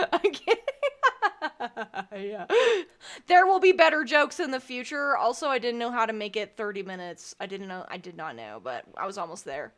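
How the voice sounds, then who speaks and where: A woman's voice: mid-range voice, expressive, moderate pace, fairly bright tone. A young woman streamer doing rambling, self-deprecating casual stand-up, often breaking into giggles.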